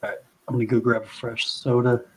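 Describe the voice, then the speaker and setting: A man's voice: medium pitch, flat delivery, quick pace, very noisy. A man chatting casually off to the side, easygoing and joking. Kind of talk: casual chat.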